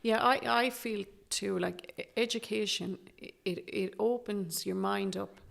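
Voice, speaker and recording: Very creaky-voiced Irish woman, fairly flat. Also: mid-range voice, a little slow. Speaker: interview guest, Traveller education activist. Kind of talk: conversational interview.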